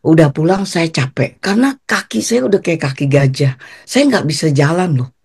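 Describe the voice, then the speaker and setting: A woman giving a personal testimony as a guest, telling her story in an animated way and acting out the quotes. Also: moderate pace, slightly rough. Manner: animated, acts out quotes with pitch jumps.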